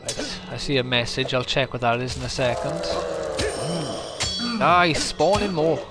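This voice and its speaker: A man's voice: mid-range voice, lively intonation, normal speed. Chatty South Welsh man streaming games. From South Wales. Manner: chatty, answers viewer chat between game moments. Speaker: video game streamer. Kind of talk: casual live-stream gameplay commentary. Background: game music.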